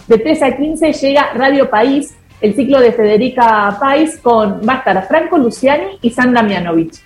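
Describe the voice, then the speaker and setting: A woman with an Argentine accent, hosting a radio show in casual on-air chat and running through the lineup of the day. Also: high-pitched. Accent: Argentine Spanish. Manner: lively, announcing a program lineup. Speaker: radio host. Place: radio studio. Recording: roomy studio echo.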